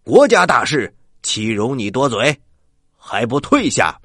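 Storybook warrior general of ancient China, done by a man: commanding, sly, theatrical, with big pitch swings. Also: big pitch swings, slow, dry recording, studio quality, full character voice. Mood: stern, commanding. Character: commanding ancient Chinese warrior general, feigning tipsy joviality. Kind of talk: children's storybook character acting.

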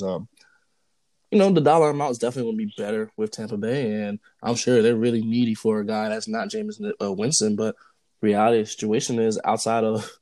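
A man with a lowish, mellow voice co-hosting a sports podcast. He talks in long, measured stretches, leaning on filler words, and the sound is close and dry. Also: no echo, rough recording. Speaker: podcast co-host. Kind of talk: casual sports podcast chat.

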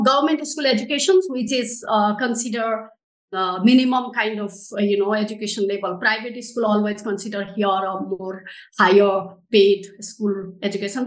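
A middle-aged woman from Nepal, director of a social enterprise, explains things earnestly as an interview guest in a mid-range voice. Her Nepali accent and non-native English phrasing come through despite the echoey room and poor audio.

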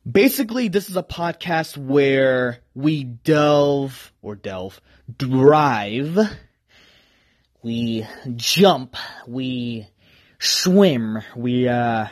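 Guy in his twenties doing his own podcast, super excitable, swings from loud and high to mumbly, jokes at his own expense. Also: drawn-out words. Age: 20s. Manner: enthusiastic, rambling, self-deprecating. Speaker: podcast host. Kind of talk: casual solo podcast talk.

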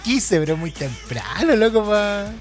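Animated Chilean man, slangy podcast chat. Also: sits high, unhurried, faint music behind. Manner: slangy, laughs often, animated. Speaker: podcast co-host. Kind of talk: casual chat.

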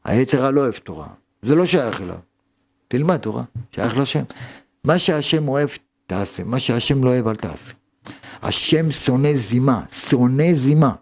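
A man's voice: mid-range voice, lively intonation, a little mellow. A man, a rabbi, giving a sermon with emphatic delivery and many rhetorical questions.

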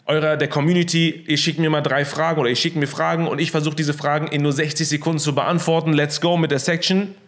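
A man's voice: a little high, little pitch movement, quick pace, few pauses. A young man hosting a casual motivational talk from his apartment into a studio microphone, upbeat, with English phrases mixed into his speech. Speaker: host.

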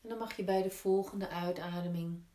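A woman teaching yin yoga, guiding gently step by step with unhurried pauses between instructions. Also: lowish voice, fairly even intonation. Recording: roomy, echoing indoor sound.

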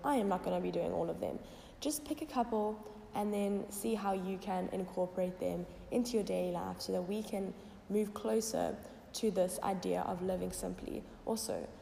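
A woman hosts a casual solo podcast, explaining things informally. Her voice is croaky and slightly hoarse, with a froggy gravel and a soft, mellow tone. The recording sounds reverberant, as if made in a bare room. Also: mid-range voice. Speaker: podcast host. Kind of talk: casual solo podcast talk with lifestyle tips. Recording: echoey, reverberant room with noise.

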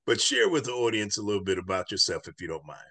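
Man, very low voice, dry close sound, host, repeats words as he asks. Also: big pitch swings, fast talker, vocal fry, husky, no room sound. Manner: warm encouraging, stumbles and repeats words. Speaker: show host. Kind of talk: interview conversation.

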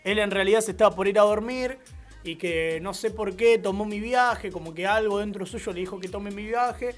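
A man with an Argentine Rioplatense accent co-hosting a live radio show, chatting casually and telling animated, laughing anecdotes. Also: high-pitched, moderate pace, faint music behind. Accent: Argentine Rioplatense Spanish. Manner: animated storyteller, laughs often.

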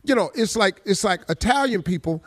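A man hosting a call-in radio show, talking earnestly and slowing down to stress his points. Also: sits high, expressive, fairly bright tone, dry recording, clean studio sound.

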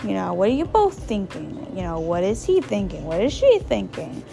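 A woman hosts a casual solo podcast in a gravelly, hoarse voice full of fry. She rambles informally through her advice and circles back on phrases to stress them. Her pitch sits in an average female range, with faint music underneath. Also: very animated, normal speed, dark tone. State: hoarse, voice partly lost. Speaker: podcast host.

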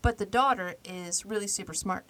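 A woman co-hosting a podcast, casually retelling a story with lively acted-out quotes. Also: mid-range voice, moderate pace. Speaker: podcast co-host.

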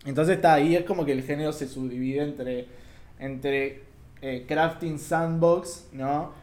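A man's voice: on the high side, steady tone, a little slow, darkish tone. A young man leading a casual gaming discussion, agreeable and fond of fillers like "claro" and "viste". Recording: roomy echo.

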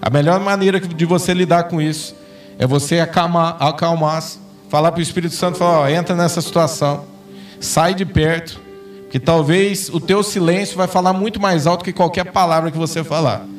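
A man's voice: on the high side, steady tone, normal speed, recorded from a distance, faint music behind. A man with a Brazilian Portuguese accent preaching a sermon in church, telling personal stories and acting out the quoted dialogue. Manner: storytelling, acts out quoted dialogue with rising intensity. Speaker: pastor. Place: church sanctuary.

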